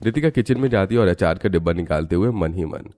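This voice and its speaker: A man narrating an animated cartoon story in a steady storytelling manner. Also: low-pitched, fast, soft background music.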